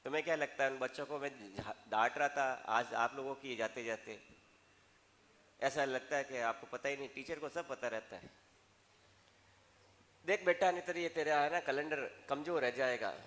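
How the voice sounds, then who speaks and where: Hindi teacher coaxing a class, roomy reverb. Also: male voice, mid-range voice, moderate pace, a bit bright. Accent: Rajasthani Hindi. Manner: coaxing, scolding students, asks questions to the class. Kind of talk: classroom lecture.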